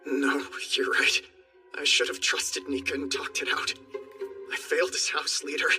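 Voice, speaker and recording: An actor voicing a proud but guilt-ridden young house leader in an anime dub, defensive and earnest. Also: male voice, fairly high pitch, flat delivery, moderate pace, recorded from a distance, music in the background, natural voice. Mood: remorseful. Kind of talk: anime English dub acting.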